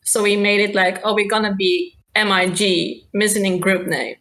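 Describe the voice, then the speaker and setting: A young Dutch woman talks casually about her work at a mid pitch. Her speech runs loose and chatty, peppered with "like" and small hesitations. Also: steady tone, normal speed, a bit bright, rough recording. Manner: chatty, many "like" fillers. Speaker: game developer. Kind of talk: casual interview answers.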